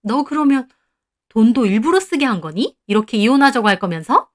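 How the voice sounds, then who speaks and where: A woman voicing a bossy, sharp-tongued older mother-in-law in a spoken story. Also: lively intonation, fairly quick, close to an everyday voice. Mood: indignant. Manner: shrill and bossy.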